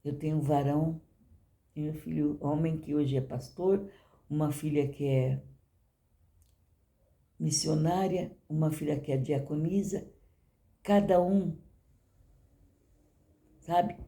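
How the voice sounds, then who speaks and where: A woman's voice: low voice, fairly even intonation, slow, vocal fry, pauses often, warm tone. An older woman giving a personal testimony in church, talking conversationally to the congregation and often asking "you know?".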